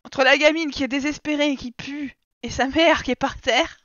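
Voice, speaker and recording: A woman's voice: sits high, fairly even intonation, moderate pace, fairly bright tone, dry recording, lo-fi sound. A woman streamer chatting casually while playing a life-sim game, teasing her characters and reading her chat aloud. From France. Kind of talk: casual live-stream commentary.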